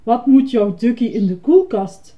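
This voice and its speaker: A woman's voice: normal speed, close to an everyday voice. A woman voicing a patient, weary grown-up male puppet who sighs and sounds exasperated, reading a storybook aloud. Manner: low, sighing and exasperated. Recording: dull lo-fi recording.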